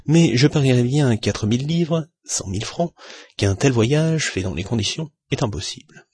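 A man reads an excitable gentleman gambler who pushes every point in a raised, higher voice. The voice is gravelly and husky. The recording is close and completely dry. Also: moderate pace, no echo. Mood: defiant. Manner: heated, insistent. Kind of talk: audiobook character reading.

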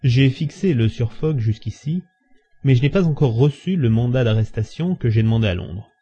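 A man's voice: mid-range voice, expressive, moderate pace, warm tone, husky. A man voicing a curt, calculating detective. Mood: persuasive. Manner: curt, insistent. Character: calculating male police detective. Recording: dull lo-fi recording.

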